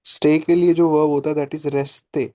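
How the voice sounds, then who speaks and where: Slow, patient man teaching French. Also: fairly high pitch, level tone, dark tone, dry recording. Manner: slow, patient explaining with frequent "ठीक है" checks. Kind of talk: live online class, Hindi-English mix. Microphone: video call.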